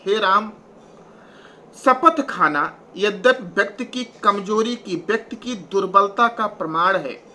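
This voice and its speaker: A man teaching Hindi poetry, reciting verses slowly and then explaining them line by line in plain prose. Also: high-pitched, pushed and bright. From India.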